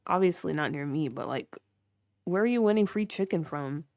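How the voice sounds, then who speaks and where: An animated young woman with a low, creaky, darkish voice talks at a moderate pace as she tours her in-game build for stream viewers, using lots of filler. The sound is dry and clean, studio-grade.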